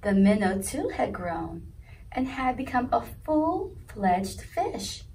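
Animated story time woman reading aloud. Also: medium pitch, slow pace, far from the mic, a little hiss or hum, rough recording. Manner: sing-song, animated, asks children questions. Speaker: children's story time leader. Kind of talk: reading a picture book aloud to children. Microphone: video recording.

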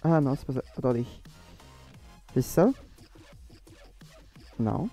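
Over faint background music, a man from France with a French accent walks through a modding tutorial on screen, speaking slowly and expressively in a medium-pitched, very dark, mellow voice. Along the way he rambles, hesitates and fixes his own mistakes.

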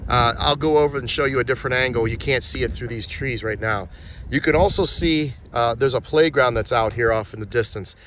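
Casting: man, phone-shot outdoor walking tour, chatty, points things out, middle pitch, faint background noise. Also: a little fast, fairly bright tone. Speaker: filming location tour guide. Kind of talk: casual walking-tour narration. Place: outdoors and at shop windows in a small town. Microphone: handheld phone.

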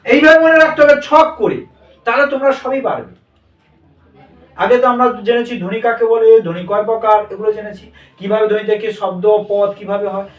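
Here a man with a high voice and a brisk manner teaches grammar to a class, quizzing students in call-and-response fashion and repeating what they say. It was recorded at a distance in a room with plenty of echo.

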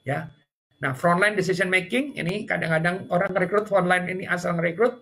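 A man giving a seminar talk on customer service, chatty and repetitive, acting out customers and staff in higher voices. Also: normal speed, vocal fry, fairly bright tone. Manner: conversational, repeats key points. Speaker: speaker on service culture.

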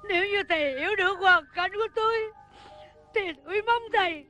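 Một phụ nữ đóng vai bà mẹ đang than khóc, kể lể, giọng miền Nam, trong một vở hài sân khấu. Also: female voice, fairly quick, bright, forceful tone, soft background music. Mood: tearful, comic. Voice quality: shrill and tearful, sobbing lines. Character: grieving mother, wailing, melodramatic. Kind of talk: stage comedy sketch with sung laments.

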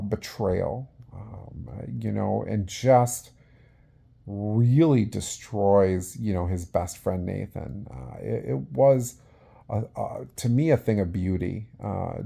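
A man in his forties speaking as a casual awards presenter, halting and conversational, into a phone held at arm's length in a small room. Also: on the low side, creaky, mellow, slightly rough. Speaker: vlog host presenting awards. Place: small indoor room with plain wall.

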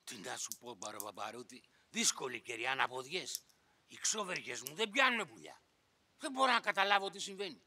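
A man plays a grumpy village bird-catcher in a children's radio play, his high, piercingly bright voice swooping wildly as he grumbles and blusters. He is quick to rage and never stops complaining. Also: sing-song, heavily acted. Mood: grumbling.

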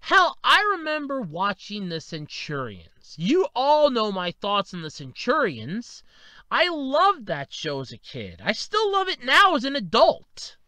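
A man in his thirties giving a casual opinion monologue, swinging between loud outbursts and low mutters. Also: huge pitch swings, unhurried, no echo. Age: 30s. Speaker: video commentator.

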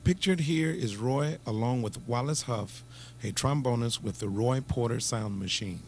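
A man reading scripted documentary narration at a steady pace. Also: medium pitch, normal speed, slight background noise.

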